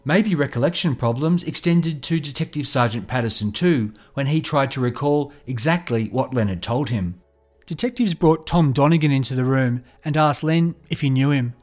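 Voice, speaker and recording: A man narrating a true crime story in a measured, scripted storytelling delivery. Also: on the high side, darkish tone.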